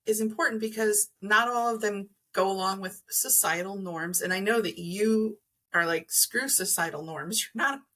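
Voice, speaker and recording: An energy healer appearing as a podcast guest explains crystals and chakras conversationally, rephrasing as she thinks aloud. Her voice is medium in pitch and sharp in tone, at a moderate pace.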